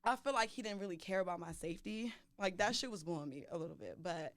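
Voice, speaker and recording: A young woman co-hosting a podcast, telling a story in casual chat, animated and laughing as she goes. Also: fairly low pitch, fast talker, no room sound. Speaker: podcast co-host.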